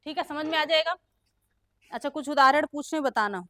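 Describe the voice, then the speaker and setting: A woman's voice: high voice, moderate pace, sharp tone, dry recording. A young woman teaching a grammar lesson, who keeps quizzing her students with questions and then answers them herself. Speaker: Hindi teacher.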